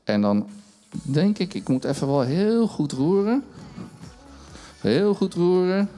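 A man's voice: sits high, animated, slow, warm tone, faint music behind. A middle-aged man presenting a children's church show on a stage, chatty and encouraging as he runs a science demo, speaking into a handheld mic. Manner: chatty and upbeat, encouraging, self-mocking.

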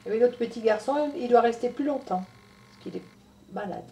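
A woman teacher reading a picture book aloud to young children, pausing to explain the story to them. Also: on the high side, dark tone. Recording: voice from a distance off the mic.

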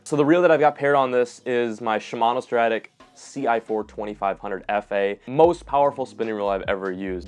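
A young man hosting his own fishing channel, talking casually and enthusiastically through his rods and reels in a home studio, with slangy asides. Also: on the low side. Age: young adult. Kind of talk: casual gear review talk. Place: indoor home studio room.

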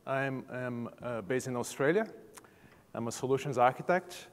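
A man from Brazil introduces himself on a large conference stage in a friendly, chatty way, his talk sprinkled with fillers. His mid-pitched voice rings with the long reverb of the hall. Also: moderate pace. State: jet-lagged. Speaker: conference speaker.

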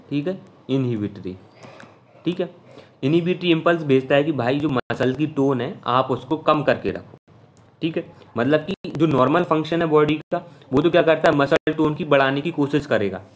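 Male lecturer, casual explainer tone, mid-range voice, keeps asking "okay?". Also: medium pitch. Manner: chatty teaching, constant "theek hai" check-ins; mixes English terms into Hindi speech. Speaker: physiology lecturer.

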